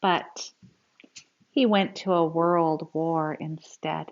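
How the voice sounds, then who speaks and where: A woman reads a picture book aloud to small children, telling the story expressively and adding simple explanations along the way. Her voice is low and her pace slow, and the high frequencies are cut off.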